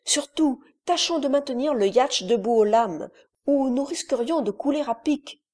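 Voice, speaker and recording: A woman reading aloud and voicing a calm, steady young boy who gives firm, reassuring orders to his crewmates. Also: high-pitched, moderate pace, pitched above the performer's own voice. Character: calm, steady thirteen-year-old boy leading the crew.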